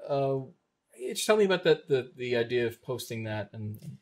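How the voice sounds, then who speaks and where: A man's voice: mid-range voice, lively intonation, moderate pace. A man hosting a casual interview, easygoing and joking as he asks questions. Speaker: host. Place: radio show studio.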